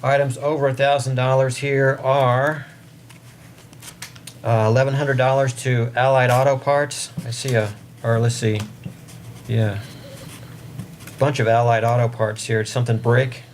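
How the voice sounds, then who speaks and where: A man's voice: mid-range voice, little pitch movement, a little slow, long pauses. A man chairing a board meeting in formal procedural language, speaking up to carry across a meeting room. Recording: noisy meeting room audio with ambience.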